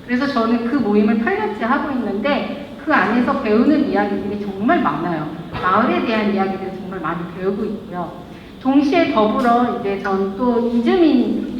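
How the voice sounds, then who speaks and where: A woman who founded a local brand gives a chatty stage talk in an event hall, joking with the audience in a mid-range voice. The lo-fi live recording is echoey, with slight background noise.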